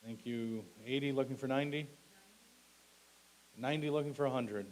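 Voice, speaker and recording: A male auctioneer at a live auction speaks in a steady, mid-range voice, a little mellow, at a moderate pace, calling bids and lots in clipped, repetitive phrases with polite thanks and asides. The audio is poor, with clearly audible hiss.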